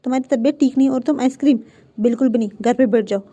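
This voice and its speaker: A woman voicing a stern mother who scolds her sons, raised and quick. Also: on the high side, dark tone, natural voice. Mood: scolding.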